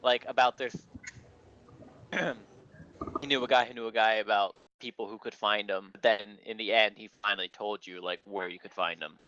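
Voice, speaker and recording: A man's voice: on the low side, fairly even intonation, moderate pace, bright, forceful tone. A man running a tabletop role-playing game as game master, talking casually and full of filler words. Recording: slightly muffled lo-fi recording.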